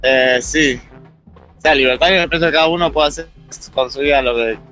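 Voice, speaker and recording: A man answers casually outside a kiosk. His voice is bright and a bit raised in pitch, with faint music behind. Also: a little fast. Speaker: passerby being interviewed. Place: outdoors by a kiosk.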